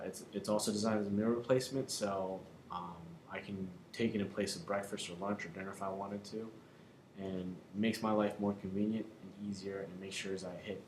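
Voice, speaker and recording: Low-voiced man coaching in an echoey room. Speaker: fitness and nutrition coach. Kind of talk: informal instructional talk. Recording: roomy echo, faint background noise.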